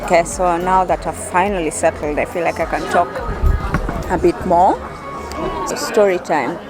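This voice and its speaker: A woman's voice: lowish voice, steady tone, normal speed, music in the background. A woman chatting casually and ramblingly as a solo food review vlogger, telling things like stories to a friend. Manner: chatty, rambling storytelling with frequent 'like' and 'you know'. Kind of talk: casual vlog chat. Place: busy cafe in a shopping center. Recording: busy public crowd chatter behind voice.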